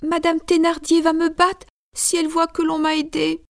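A woman's voice: very high voice, monotone, moderate pace, vocal fry. A woman voicing a timid eight-year-old servant girl in an audiobook, with a small, meek voice. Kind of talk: audiobook drama acting.

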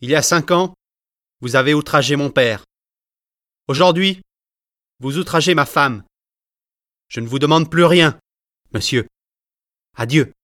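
A poor but proud young man speaks earnestly and from the heart, as a male reader puts him on. His voice sits at a middle pitch, with a dry, close sound. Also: expressive, measured pace, long pauses, dry recording, close to an everyday voice. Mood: indignant. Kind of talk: dramatized reading of a classic novel.

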